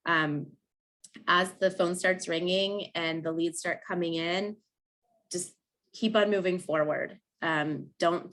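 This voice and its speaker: A woman in her thirties speaks at a seminar, giving an energetic motivational talk to her peers. Her voice sits a little low, and she talks casually, with plenty of ums and likes.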